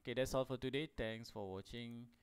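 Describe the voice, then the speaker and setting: A Malaysian man giving a recorded lecture. He pauses often with fillers and slips between English and Malay as he explains points. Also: mid-range voice, fairly even intonation, clear, resonant tone. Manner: halting, many fillers, switches into Malay.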